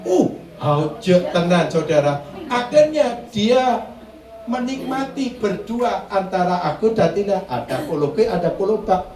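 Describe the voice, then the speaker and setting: Male preacher, playful call-and-response style; heard from a distance in an echoey hall. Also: high-pitched. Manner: lively, jokey, asks the congregation questions, mixes in Javanese. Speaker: pastor. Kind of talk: sermon. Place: church.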